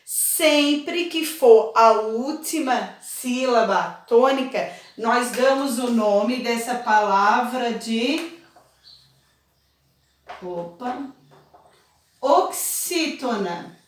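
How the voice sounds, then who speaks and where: A woman's voice: a little high, extremely slow. A woman teacher, patiently explaining a lesson step by step and checking that her students follow. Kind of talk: recorded online class lesson. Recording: very echoey room, voice from far off.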